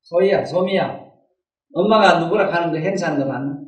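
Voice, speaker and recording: A man's voice: on the high side, a little fast. A man with a Gyeongsang accent giving a Buddhist sermon in a folksy, rhetorical way, often prodding listeners with "eh?" questions. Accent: Gyeongsang Korean. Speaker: Buddhist dharma teacher. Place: dharma hall. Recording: echoey room, distant mic.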